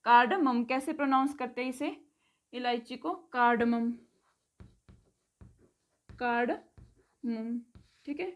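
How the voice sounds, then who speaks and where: A woman giving a casual vocabulary lesson, repeating each word slowly, spelling it out letter by letter and checking in after each item. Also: high voice. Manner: says "theek hai" after nearly every item. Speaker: spoken English teacher.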